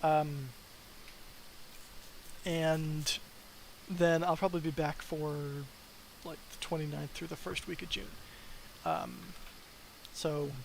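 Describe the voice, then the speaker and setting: A man's voice: fairly high pitch, slow pace, vocal fry, long pauses, slight background noise, poor audio. A young man chatting casually on his live development stream, rambling with lots of fillers and sounding tired.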